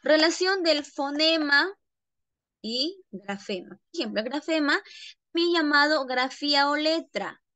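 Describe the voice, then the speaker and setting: A woman's voice: high voice, a little slow, bright, forceful tone, no room sound. A woman teacher giving an online lesson, often checking in with her students by asking "¿ya?" and calling them "chicos".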